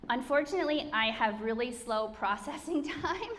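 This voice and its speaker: A woman's voice: on the high side, animated, normal speed, a bit bright. Chatty middle-aged woman in a hall. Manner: chatty, self-deprecating, laughs often. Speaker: speaker introducing the founder. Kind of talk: storytelling speech to an audience. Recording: hall reverb, faint room noise.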